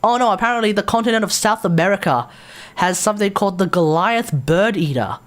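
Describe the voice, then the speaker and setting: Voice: mid-range voice, lively intonation, a little fast. Blunt, sweary Australian streamer. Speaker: game streamer. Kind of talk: casual livestream commentary.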